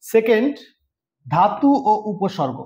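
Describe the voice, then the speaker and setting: Male tutor, higher-pitched voice, patient step-by-step explainer, recorded in a reverberant room. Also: sing-song, slow, darkish tone. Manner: explains step by step, often checks understanding. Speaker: Sanskrit teacher for exam preparation. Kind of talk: online lesson. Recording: roomy echo.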